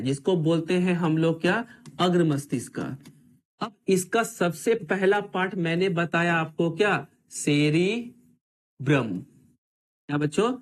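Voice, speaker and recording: A man with a high-sitting voice runs an online exam-prep class. He drills his students in call-and-response style, putting the same questions to them over and over.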